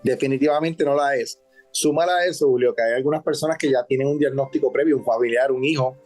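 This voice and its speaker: A man with a Puerto Rican accent, a counselor on a health talk show, explaining in a calm, measured way and often asking for agreement. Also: mid-range voice, soft background music. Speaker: substance abuse counselor.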